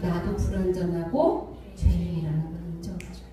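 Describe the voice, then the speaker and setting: A woman pastor preaching a sermon, calling for amens and acting out arguing couples in sudden high voices. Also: steady tone, moderate pace, mellow. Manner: call-and-response preaching, acting out quarrels. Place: church sanctuary. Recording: echoey church hall, mic at a distance.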